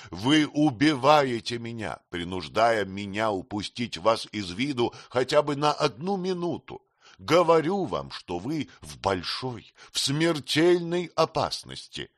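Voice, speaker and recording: A man's voice: medium pitch, fairly bright tone, no echo, studio quality, full character voice. A man reading an audiobook, voicing a young man who pleads earnestly and insistently.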